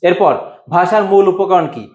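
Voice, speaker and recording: A man's voice: high-pitched, lively intonation, a little slow, darkish tone, highs cut off. A young man teaching an exam-prep lesson as a Bengali lecturer. He quizzes his students, repeats each answer and waits for their replies.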